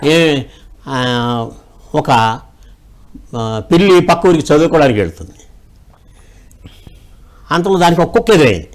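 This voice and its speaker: A man telling short moral tales with lively voice changes and mimicry. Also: on the high side, unhurried, long pauses. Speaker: storyteller guest. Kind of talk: animated storytelling.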